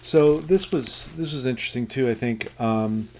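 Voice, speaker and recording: A man giving a casual book review, halting with many fillers and self-corrections, and reading passages aloud in a steady, measured way. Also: mid-range voice, slight background noise.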